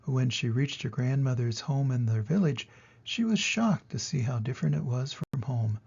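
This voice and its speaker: Older male storyteller, grandpa voice: gravelly, warm dark tone, expressive children's book reading. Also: mid-range voice, moderate pace, dull audio. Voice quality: gravelly, husky. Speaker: storybook reader. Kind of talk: children's storybook narration, read aloud.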